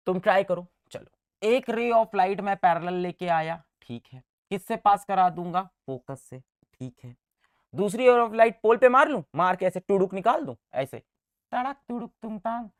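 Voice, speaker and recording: A man's voice: fairly high pitch, no echo. A man teaching a science class in a playful, sing-song manner, with a voice that leaps up and down. He keeps repeating key words, quizzing his students and making sound effects. The sound is close and dry.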